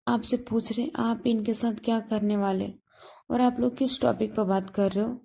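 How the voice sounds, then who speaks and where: Woman doing an insistent young wife, keeps asking, soft mellow voice, storybook telling. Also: fairly high pitch, steady tone, normal speed, creaky. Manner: pleading, persistent questions.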